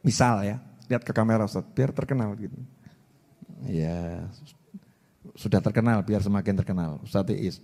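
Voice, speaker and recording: A man in his forties with a Javanese-inflected Indonesian accent, giving an animated, joking sermon full of repetition. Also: on the low side, moderate pace, pauses often. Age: 40s. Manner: animated, repetitive, jokey storytelling. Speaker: preacher. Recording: reverberant hall.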